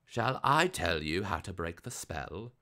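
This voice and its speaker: A man's voice: deep voice, big pitch swings, a little slow, pushed and bright, heavily acted. A man voicing a clever, bold folk hero who talks in a confident, teasing way.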